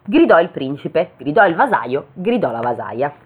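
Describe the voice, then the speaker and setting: A woman with a low-pitched, sing-song, slightly rough voice reads a fairy tale slowly, then breaks off to joke around. The casual read-aloud comes through with a tinny, phone-like sound.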